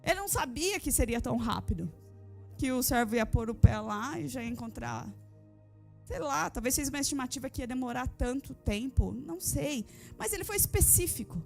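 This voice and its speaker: A woman pastor with a notably high voice preaches a fervent sermon, repeating key phrases and firing rhetorical questions at the women of her congregation. Soft music plays faintly behind her in the church. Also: expressive, fairly quick, vocal fry. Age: adult with a daughter. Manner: addresses the women of the congregation directly. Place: church service.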